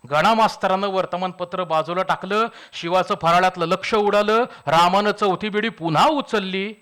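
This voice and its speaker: A man reading a humorous village story aloud at a literary event, switching into voices for the characters. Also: sits high. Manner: lively character voices and chuckles.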